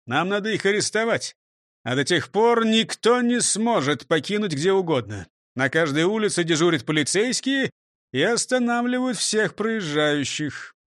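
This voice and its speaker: A man playing a gruff, grumbling middle-aged police chief who speaks curtly. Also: high voice, lively intonation, moderate pace, a bit bright, dry recording, clean studio sound, pitched above the performer's own voice. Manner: grumpy, curt.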